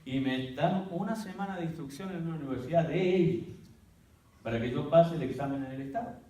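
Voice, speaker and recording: A man, a pastor, teaching a church workshop like a sermon, telling his story dramatically with sudden loud, high bursts. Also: brisk. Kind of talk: preaching-style teaching. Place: church hall. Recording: very echoey hall, voice from far off the mic.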